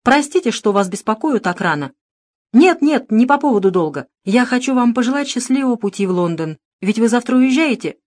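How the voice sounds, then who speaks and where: A woman's voice: on the high side, lively intonation, fairly quick, darkish tone, no room sound, pitched above the performer's own voice, close to an everyday voice. A woman voicing a frightened, blustering middle-aged male swindler in an audiobook, in a whiny, defensive tone. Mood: fawning. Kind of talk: audiobook narration.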